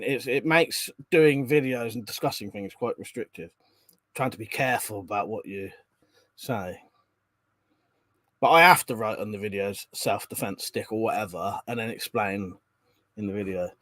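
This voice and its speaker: Here a man with a lowish, fairly bright voice reads out comments from viewers during his live stream, at a moderate pace with no echo. His cold leaves him congested and coughing at times, and his talk is chatty and rambling, with frequent ums and false starts.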